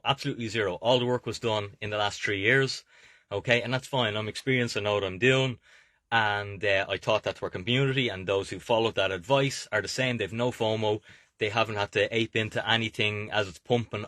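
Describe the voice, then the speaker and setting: A man's voice: lowish voice, pushed and bright, no echo, clean studio sound. An Irish man giving informal, motivational investment advice to viewers as a coach and video host, emphatic and often checking that listeners follow. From Ireland. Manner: emphatic, repeatedly checking with "okay?". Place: inside a camper van.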